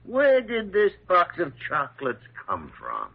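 A man's voice: high voice, wildly swooping pitch, unhurried, creaky, heavily acted. Crusty older male mentor doctor, blustery and grumbling, vintage radio drama on a dull recording. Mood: grave, brisk. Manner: blustery, grumbling, stammers when worked up. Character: crusty, gruff senior doctor, irascible but loyal mentor. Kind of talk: 1940s radio drama acting.

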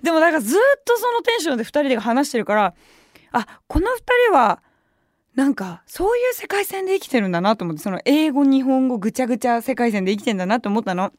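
A woman's voice: on the high side, very animated, quick pace, no room sound. A young adult woman hosting a radio show, telling a story in a chatty way with wry asides from a studio microphone. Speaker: radio host. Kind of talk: casual radio talk.

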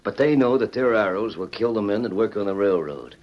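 An actor playing a surly, defiant outlaw henchman in an old radio western, with rough, slangy cowboy talk. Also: fairly low pitch, lively intonation, a little fast, close to an everyday voice. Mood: sly, sure. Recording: muffled old radio recording.

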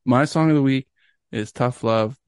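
A man's voice: medium pitch, moderate pace, a little mellow, clean tone, no echo, clean studio sound. A young man co-hosting a podcast, chatting casually and telling stories with enthusiasm and casual swearing. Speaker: podcast co-host. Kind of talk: casual chat.

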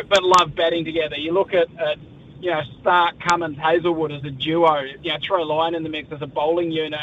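An Australian man chatting as a sports correspondent in a live radio interview, discursive and colloquial. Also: fairly bright tone. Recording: muffled, low-fi line with faint noise.

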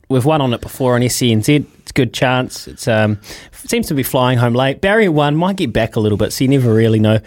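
A man giving horse racing tips in informal, jokey radio banter. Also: medium pitch.

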